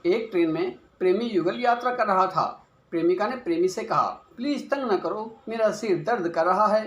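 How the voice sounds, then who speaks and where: A man's voice: high-pitched, brisk, lo-fi sound. A man reading short jokes aloud in plain storytelling, closing with a request to like and subscribe. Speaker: joke reader and channel host. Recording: long reverb over loud background music.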